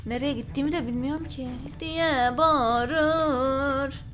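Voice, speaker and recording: High bright lady doing horror game commentary, easily spooked, chats to her viewers, faint music under it. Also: slow pace. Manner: jumpy, talks to viewers, reads in-game notes aloud. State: frightened. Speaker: gaming channel host.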